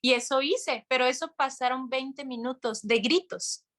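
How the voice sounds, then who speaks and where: Young woman, podcast guest, high bright voice, animated storyteller acting out quotes. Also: moderate pace. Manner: animated, full of restarts and acted-out quotes. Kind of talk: casual storytelling interview.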